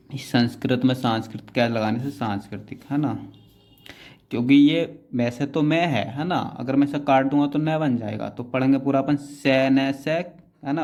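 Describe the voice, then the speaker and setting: A man teaching shorthand in a class, explaining each outline step by step and often checking in with quick tag questions. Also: medium pitch, a little mellow, muffled recording. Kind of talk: classroom explanation while writing.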